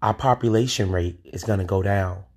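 Here a husky, deep-voiced man with a darkish tone talks at a normal speed. He's a solo podcast host in his 40s, pushing his opinions hard and letting the occasional swear word slip.

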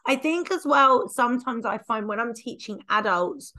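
Woman dog-trainer host, slightly high pitch; chatty, self-deprecating. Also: moderate pace, pushed and bright. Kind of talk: casual conversational chat.

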